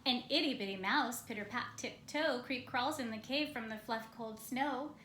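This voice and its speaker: A woman reading a picture book aloud expressively, with gentle, playful, drawn-out phrasing and casual asides. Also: a little high. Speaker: storybook reader. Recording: roomy echo, some background noise.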